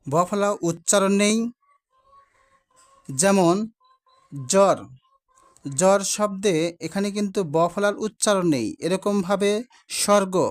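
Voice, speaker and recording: A man teaching a grammar lesson to students. He states each rule twice and leans on every example word so it sticks. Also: high voice. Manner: repeats each rule slowly, stresses example words.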